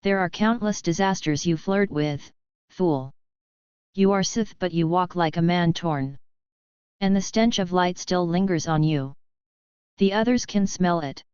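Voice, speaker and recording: A woman's voice: lowish voice, a little slow, a little mellow, clear, resonant tone, dry recording, natural voice. Darth Vader, cold and commanding, read by a woman. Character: cold armored dark lord, adult man. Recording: slightly dull, dry recording.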